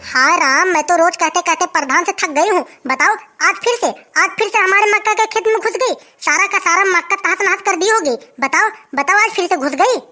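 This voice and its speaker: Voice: very high voice, moderate pace, few pauses, sharp tone. A voice actor doing a wailing old village woman. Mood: complaining. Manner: wailing, complaining.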